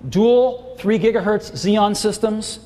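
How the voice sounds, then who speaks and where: A man's voice: high voice, takes it slowly, dark tone. A middle-aged man giving a product launch keynote on a large auditorium stage, with emphatic, enthusiastic salesmanship. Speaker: keynote presenter. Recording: long hall reverb, faint crowd.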